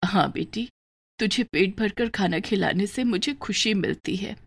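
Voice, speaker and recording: A woman's voice: unhurried, breathy edge. A woman voicing a weak, tender village mother. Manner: soft, faint and low-voiced. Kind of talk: storybook voice acting.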